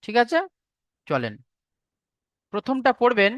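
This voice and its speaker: A man's voice: sits high, very animated, unhurried, fairly bright tone, no echo, muffled recording. A man teaching Quran recitation in an online class, patiently repeating and spelling out syllables. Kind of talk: online tajweed class lecture.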